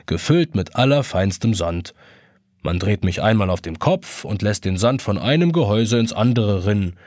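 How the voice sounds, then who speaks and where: A man's voice: lowish voice, no room sound, clean studio sound, voice pushed down. Man voicing a hollow, sad old hourglass. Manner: reproachful, slow and gentle.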